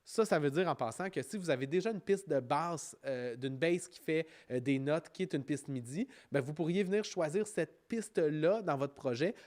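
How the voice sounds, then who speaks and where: A man with a Quebec French accent narrating an informal software tutorial, explaining step by step in a conversational way. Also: fairly high pitch, moderate pace, hardly any pauses. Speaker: music software instructor.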